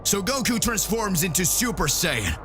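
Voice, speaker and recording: A man's voice: high voice, sing-song, moderate pace, music in the background. A man narrating a scripted anime fan-fiction story as its storyteller.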